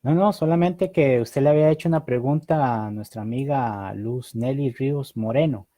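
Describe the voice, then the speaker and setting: A man co-hosts a Bible discussion in a calm, measured way. His voice is mellow and mid-pitched, and the sound is dry. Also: dry recording. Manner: measured, reads viewer messages aloud. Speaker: co-host.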